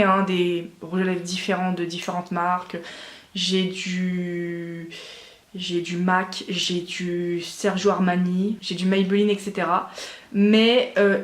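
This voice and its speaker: A woman in her twenties answering viewer questions in a casual vlog, chatty and hesitant with many fillers. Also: mid-range voice. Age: 20s. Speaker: doll collector vlogger. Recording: echoey room.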